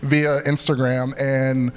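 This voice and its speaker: A young man co-presenting casually on stage, informal and slangy, with a halting delivery. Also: mid-range voice, flat delivery, clean tone. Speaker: art gallery co-founder, co-presenter. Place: stage in a reverberant venue. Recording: reverberant hall.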